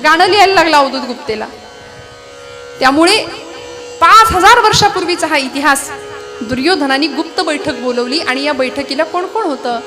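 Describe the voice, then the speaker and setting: Over music, a woman preacher recounts an epic in a devotional kirtan, keeping it lively with rhetorical questions and asides to the crowd. Her voice is high and her pace normal, and she pauses often.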